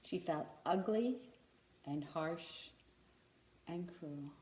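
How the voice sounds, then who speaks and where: In an echoey room, a woman with a lowish, warm voice reads a children's story expressively and stops to ask the young listeners questions. A slight hiss or hum runs under the recording.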